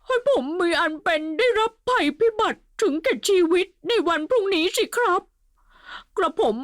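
A meek middle-aged carpenter, played by a woman narrator, pleading fast in a high, tearful voice. His words spill out in a dry, close audiobook read. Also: animated, no room sound.

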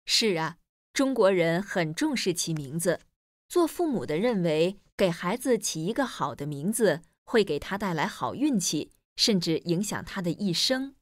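A woman playing a teacher in a scripted textbook listening dialogue, explaining clearly and evenly. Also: fairly low pitch, very animated, unhurried, dry recording, studio quality.

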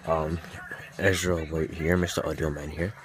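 Man, extremely low voice, halting casual vlog talk, close phone mic. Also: flat delivery. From Hawaii. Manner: casual, halting, many ums and restarts. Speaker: vlogger. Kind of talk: casual chat to camera. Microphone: phone held close to the face.

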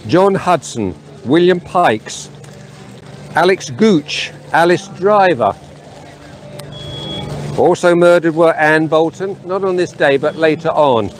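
A man's voice: fairly high pitch, takes it slowly, long pauses, a little hiss or hum. An older man giving an earnest, solemn address to camera in an open town square, reading names from a sheet. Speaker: street preacher. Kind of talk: outdoor video address. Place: sunny town square outdoors. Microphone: camera at a few metres.

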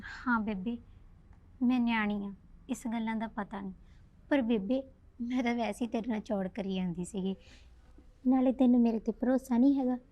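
A woman's voice: a little high, normal speed, pauses often, lo-fi sound, lightly acted. A young woman playing a coaxing lovestruck girl. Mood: reassuring. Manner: playful, coaxing, talks to herself. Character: young schoolgirl secretly in love, coaxing. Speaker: daughter. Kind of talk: village family drama acting.

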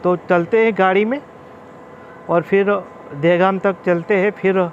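A man's voice: high-pitched, steady tone, measured pace, dull audio. A man, narrating a casual railway travel vlog from a moving train and addressing viewers as friends. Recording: faint vehicle noise.

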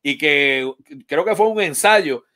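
A man's voice: fairly high pitch, animated, slow pace, sharp tone. A man hosting a casual online interview, telling stories with playful asides. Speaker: host.

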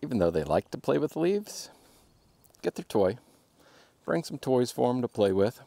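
A man's voice: mid-range voice, big pitch swings, normal speed, vocal fry, warm tone, dry recording. A man in his thirties giving casual, laid-back camping tips outdoors at a wooded campsite. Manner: laid-back, chatty, talks to his dog. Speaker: overlanding vlogger. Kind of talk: casual how-to vlog.

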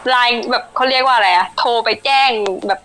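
A woman's voice: high-pitched, brisk, fairly bright tone, soft background music, rough recording. A young woman student chatting casually and venting animatedly, swearing often. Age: young adult. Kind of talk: casual chat while gaming.

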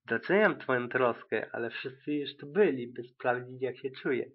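A man voicing a calm, bookish young unicorn mare who talks in a patient, reassuring, slightly weary way, in an amateur audiobook reading. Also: mid-range voice, moderate pace, natural voice. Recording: tinny, phone-like lo-fi sound.

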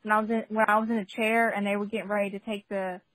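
A woman's voice: medium pitch, little pitch movement, quick pace, a bit bright, dry recording. Young woman, phone call-in testimony, chatty and giggly, dry sound. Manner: chatty and giggly, many fillers and restarts. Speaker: caller sharing a testimony. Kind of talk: casual spoken testimony.

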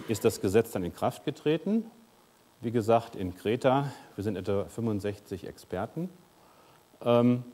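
Wearing a lapel mic, a man in his fifties moves around the stage and gestures while giving a conference keynote, talking conversationally with lots of "uh"s. His voice sits on the low side and is dark-toned. The large lecture hall adds long reverb.

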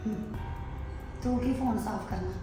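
A woman's voice: mid-range voice, unhurried, lightly acted. A woman with a Punjabi accent acting a suspicious, scolding sister-in-law in an amateur family drama. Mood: stern scolding. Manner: scolding, sarcastic. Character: stern, suspicious sister-in-law guarding the household. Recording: strongly echoing room, faint music.

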